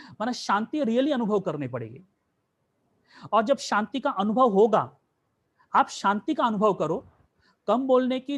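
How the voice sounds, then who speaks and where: A man leads a spiritual class, posing rhetorical questions and then answering them himself. He sprinkles English words into his speech, and his voice sits high.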